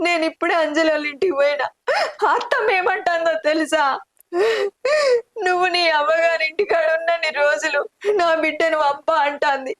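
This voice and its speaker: A woman's voice: high-pitched, fairly even intonation, normal speed, a bit bright, dry recording. A woman playing a sobbing young daughter. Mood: tearful pleading. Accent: Telangana Telugu. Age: young adult. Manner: sobbing, pleading, reproachful. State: crying. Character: grief-stricken young married daughter pleading with mother.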